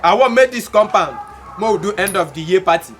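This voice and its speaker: An actor playing a bossy, excitable compound landlord in a Nigerian comedy film, calling out commands repeatedly in Nigerian Pidgin. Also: male voice, high voice, fairly quick, heavy background noise. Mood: self-important. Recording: loud music behind the voice.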